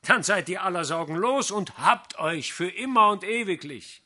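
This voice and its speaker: A man's voice: high voice, lively intonation, moderate pace, pitched above the performer's own voice, exaggerated voice. A man voicing a boisterous, coaxing vagrant fiddler in an audiobook reading. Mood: jovial. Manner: loud, coaxing, exuberant. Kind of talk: audiobook character voice.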